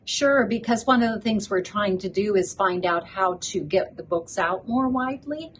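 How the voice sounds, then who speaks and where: A woman's voice: mid-range voice, moderate pace, slight background noise, poor audio. An older woman who grew up in Ethiopia, a children's book author, speaking earnestly as an interview guest at a conference. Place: conference venue.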